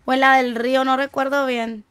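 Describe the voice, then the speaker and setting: A woman's voice: high-pitched, little pitch movement, moderate pace, a bit bright, smooth, no echo. Chatty woman streamer. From Tijuana, Mexico. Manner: chatty, slangy, reads chat aloud. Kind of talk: casual gaming stream chat.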